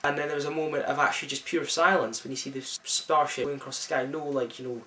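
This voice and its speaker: A young Scottish man reviewing a film in casual chat, enthusiastic and rambling with lots of restarts, recorded in a friend's flat. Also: medium pitch, fast talker. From Scotland. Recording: roomy, mic at a distance.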